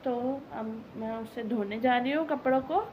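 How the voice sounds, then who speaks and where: A woman's voice: fairly high pitch, moderate pace, lo-fi sound. A young woman with a cold and sore throat chatting casually at home in a home vlog, rambling and repeating herself. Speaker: vlogger. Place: at home, indoors and on a terrace in rain. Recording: rain noise in background.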